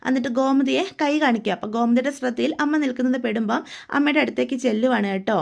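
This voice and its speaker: A woman's voice: high-pitched, fairly even intonation, quick pace, creaky, a little mellow. A woman recapping a drama serial in a chatty storytelling way, often turning to the listener. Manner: chatty, addresses listener directly.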